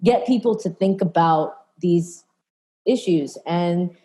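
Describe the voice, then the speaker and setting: Her voice lowish and dark, a California woman speaks slowly and earnestly during a panel talk. She often restarts sentences and leans on fillers, keeping it conversational.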